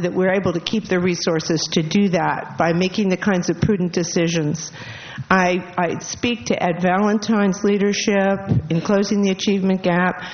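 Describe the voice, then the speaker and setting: A woman, a departing school board member, gives an emotional farewell speech at a public meeting, tearful and halting, laughing through tears. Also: fairly low pitch. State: tearful, voice catching. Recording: dull lo-fi meeting recording with faint noise.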